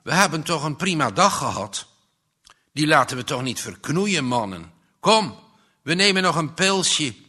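A man's voice: fairly high pitch, very animated, sharp tone, exaggerated voice. A man voicing a cheerful young fellow who jollies his friends along, in a storybook reading. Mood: jovial. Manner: hearty, cheerful, brisk. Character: jovial young man calming his mates.

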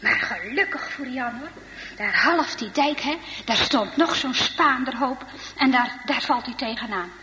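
A woman telling a story to children in a lively way, with many asides to her listeners. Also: sits high, a little slow, long reverb tail, background noise.

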